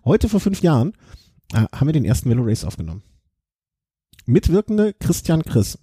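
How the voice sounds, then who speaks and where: A man hosting a podcast in casual conversation, with a husky, raspy voice. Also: fairly high pitch, sing-song, normal speed, warm tone, dry recording, clean studio sound. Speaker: podcast host.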